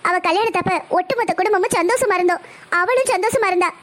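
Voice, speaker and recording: A woman's voice: extremely high pitch, fast talker, fairly bright tone. A woman voicing a tearful, pleading cartoon mother. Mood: sorrowful. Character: worried middle-aged mother pleading for her daughter. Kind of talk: cartoon voice acting.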